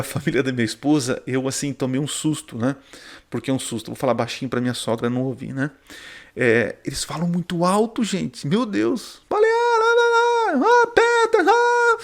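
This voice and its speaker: A married man with a Brazilian Portuguese accent teaching a casual online Bible study, often tagging his sentences with "né?" and "tá?". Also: medium pitch. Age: adult, married. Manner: chatty, peppers speech with "né?" and "tá?". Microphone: sharing screen on a video call.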